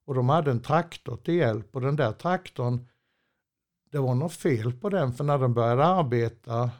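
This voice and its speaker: A man's voice: mid-range voice, darkish tone. An older man, a former truck driver, telling a long anecdote in a chatty, meandering way, with many fillers and restarts and frequent chuckles. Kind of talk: rambling anecdotal storytelling.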